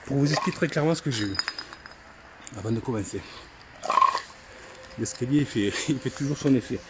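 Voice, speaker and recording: A man's voice: medium pitch, a little fast, heavy background noise. Hesitant man narrating a house investigation. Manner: hesitant, repeats himself often. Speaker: paranormal investigator. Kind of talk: casual vlog narration. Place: inside an old house. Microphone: handheld camera.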